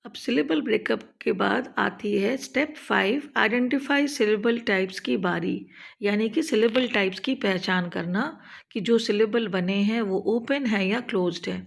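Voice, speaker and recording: A woman with a Hindi-speaking Indian accent narrates a scripted teaching lesson, walking through each step in an even, methodical way. Her mid-range voice carries a noticeable gravelly fry, and she slows right down whenever she spells out an English term. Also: medium pitch. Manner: steady step-by-step explaining. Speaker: teacher trainer.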